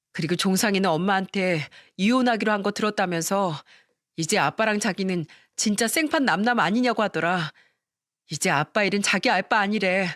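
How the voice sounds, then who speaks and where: A woman's voice: medium pitch, a bit bright, no echo, clean studio sound, natural voice. A woman voicing a tearful, devoted adult daughter who pleads and sobs, in a story radio reading. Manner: pleading, sobbing.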